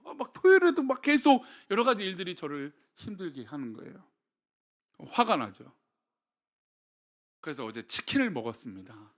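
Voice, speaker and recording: A male senior pastor preaching a sermon to his congregation, emphatic and often rising to shouts, putting rhetorical questions straight to the listeners. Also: sits high. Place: church sanctuary before a congregation.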